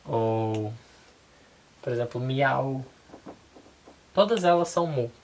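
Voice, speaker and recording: A woman with a Brazilian Portuguese accent giving a casual online language lesson, relaxed and unhurried, often checking in with her listeners. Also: extremely low pitch, slight background noise. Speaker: language teacher.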